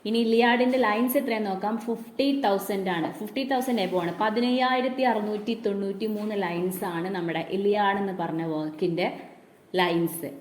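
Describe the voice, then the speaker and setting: A woman's voice: mid-range voice, a little fast, a little hiss or hum. Woman lecturing in an echoey room. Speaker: teacher. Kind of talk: classroom lecture.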